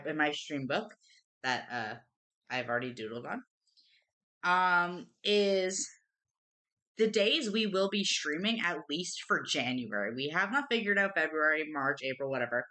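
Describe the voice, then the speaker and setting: A woman streamer talks casually to her chat, emotional and rambling. Her voice sits low yet sounds bright and edgy, and she often trips over her words and starts again. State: tearful at times. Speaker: streamer co-host.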